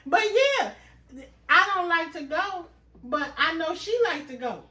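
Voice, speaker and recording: Loud laughing woman chatting on a podcast, sharp bright voice. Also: very high-pitched, measured pace, echoey room. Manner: animated, loud laughing, slangy. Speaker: podcast co-host. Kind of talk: casual chat.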